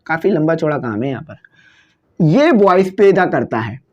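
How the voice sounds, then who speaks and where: A man's voice: a little high, very animated, normal speed, muffled recording. A man with a Pakistani Urdu accent teaching a physics class, explaining with everyday examples and slipping into English for terms, on a cabled microphone. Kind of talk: classroom lecture video.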